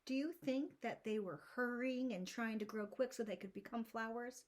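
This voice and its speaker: A woman teaching an art lesson in a slow, soothing manner, drawing out her words and often dropping into soft breathy whispers. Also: a little high. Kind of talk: slow, calm lesson talk to children.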